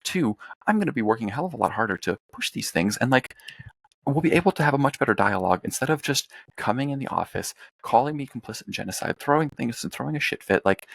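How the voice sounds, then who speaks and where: A man's voice: medium pitch, lively intonation, fast, vocal fry. A young man, a former congressional staffer, talking politics as a podcast guest in a blunt, profane, rambling way. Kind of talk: casual political chat.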